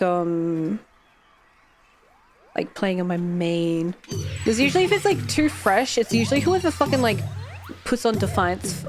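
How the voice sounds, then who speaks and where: With a mid-range voice, this Australian woman chats and rambles casually during a game livestream, dropping the odd swear word. Her throat sounds a little irritated and her voice somewhat tired.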